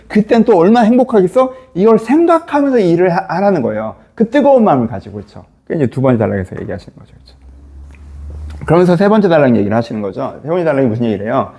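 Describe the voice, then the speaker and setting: A man's voice: high-pitched, dark tone. A male pastor teaching a Bible reading in a casual, conversational way, often turning to listeners with rhetorical questions.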